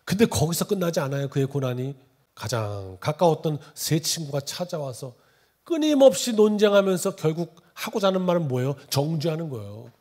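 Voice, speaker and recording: Male pastor, high and husky, conversational preaching that keeps asking the congregation questions. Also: big pitch swings, fairly quick, a little mellow. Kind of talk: sermon.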